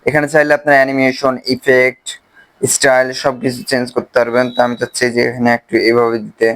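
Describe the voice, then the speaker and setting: A man with a Bangladeshi Bengali accent, casually explaining a phone video-editing app step by step, with pauses as he clicks. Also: medium pitch, monotone, fairly bright tone, clear, resonant tone. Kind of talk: screen-recorded software tutorial.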